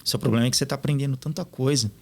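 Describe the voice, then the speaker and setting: Fast-talking man, gravelly voice. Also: mid-range voice. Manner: animated, quotes others in lively retellings. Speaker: podcast guest. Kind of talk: casual storytelling interview.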